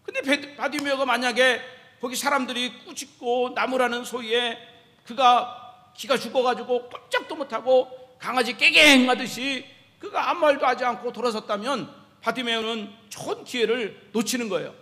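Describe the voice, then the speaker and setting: A man's voice: extremely high pitch, steady tone, normal speed, pushed and bright. A male pastor preaching a sermon to his congregation in a church sanctuary. He talks animatedly and keeps asking the congregation questions. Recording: echoey church hall reverb.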